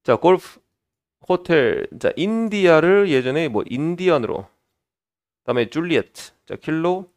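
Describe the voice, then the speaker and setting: A man teaching an online exam prep lecture, explaining step by step and opening his lines with a drawn-out filler. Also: a little high, animated.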